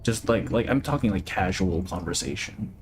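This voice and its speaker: A man's voice: low voice, lively intonation, moderate pace, over music. A young man casually chatting and laughing through live gameplay commentary. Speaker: streamer.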